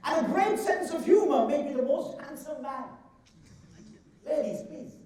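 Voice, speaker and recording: A man's voice: very high voice, lively intonation, darkish tone. Echoey Indian man giving a humorous speech. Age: middle-aged. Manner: theatrical, deliberate delivery with drawn-out emphasis. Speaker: contest speaker. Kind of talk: humorous rehearsed speech to an audience. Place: large indoor event hall. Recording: echoey hall, far from the mic.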